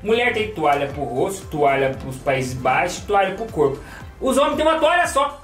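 A man, the vlogger's father, making deadpan jokes. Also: sits high, moderate pace. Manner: deadpan, joking. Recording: echoey room from a distance with music.

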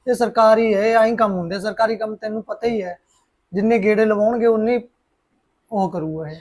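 An actor playing a protective, practical brother figure who reassures and firmly lays down the plan. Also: male voice, sits high, steady tone, a little mellow. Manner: reassuring, firm, fast-talking.

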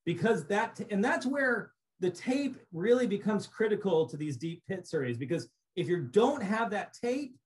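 Man, middle-aged, fairly high voice, casual explanatory lecture, webcam call, restarts often. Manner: casual, explanatory, with frequent restarts and "you know". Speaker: cave survey instructor. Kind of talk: recorded slideshow lecture. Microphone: webcam on a video call.

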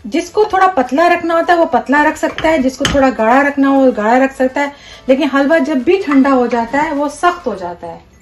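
Hosting a casual home cooking show from her kitchen, a woman in her thirties walks viewers through each step. Her high voice is expressive and fairly quick, with background music playing beneath it.

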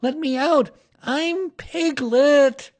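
A storybook reader voicing a small, anxious male piglet, squeaky and jerky, trying to sound brave and indignant. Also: extremely slow, a little mellow.

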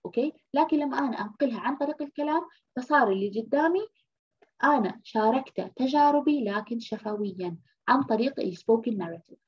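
A woman's voice: on the high side, expressive, a little fast, a little mellow, breathy edge. A woman from Egypt giving a university lecture, explaining patiently, repeating key terms and checking in with "okay?". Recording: muffled lo-fi lecture recording.

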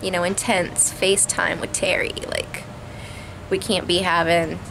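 Slow-talking woman with a swollen jaw. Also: lowish voice, little pitch movement, vocal fry, background noise. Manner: talks carefully with a swollen, sore jaw. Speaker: vlogger. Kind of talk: casual chat to camera. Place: outdoors on a house porch. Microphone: camera at arm's length.

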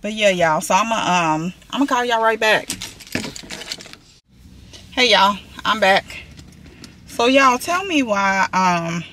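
A woman's voice: mid-range voice, pushed and bright, a little hiss or hum. A woman, chatting casually to viewers from a parked car, rambling and calling them y'all. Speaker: vlogger. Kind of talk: casual vlog chat. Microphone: camera on dashboard.

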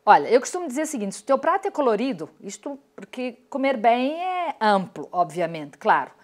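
A woman's voice: on the high side, sing-song, a little fast. A woman in her sixties, a nutrition doctor, explaining health advice in a confident, didactic way in a TV studio. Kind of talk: explanatory interview answers. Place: TV studio set.

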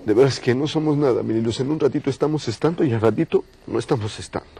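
A man's voice: mid-range voice, quick pace, gravelly, mellow, breathy edge. An actor playing a kindly, folksy male servant who talks in a rambling way in a telenovela. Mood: consoling. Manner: folksy, rambling talk with regional Mexican turns of phrase. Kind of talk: telenovela acting.

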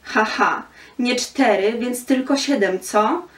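A woman's voice: on the high side, slow pace, echoey room, recorded from a distance. A woman reading aloud voices a stubborn, menacing thinking machine that mocks and gives orders. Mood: domineering. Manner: domineering, mocking.

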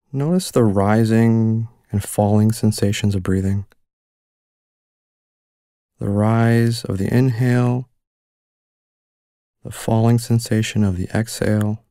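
A man narrating a guided mindfulness meditation as the guide, giving calm, gentle, unhurried instructions with long pauses between phrases. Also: fairly low pitch, no room sound, clean studio sound.

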